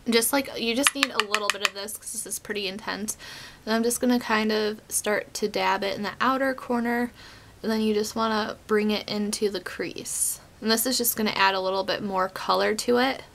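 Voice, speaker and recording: A young beauty vlogger with a medium-pitched voice and vocal fry chats through her makeup routine in a relaxed, casual way, leaning on plenty of "um" and "like". She's getting over a cold, so her voice is worn and goes in and out, though her tone stays bright and a little edgy. She sits close to a webcam in a small bedroom.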